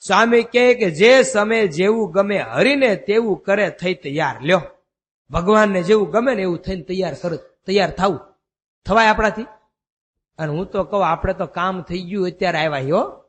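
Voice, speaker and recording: A man preaching a devotional sermon, chanting verses slowly and telling stories in a folksy way. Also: high voice. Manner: chants verses slowly, then explains in a folksy storytelling manner. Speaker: swami preacher. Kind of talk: Gujarati devotional sermon with storytelling. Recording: long hall reverb.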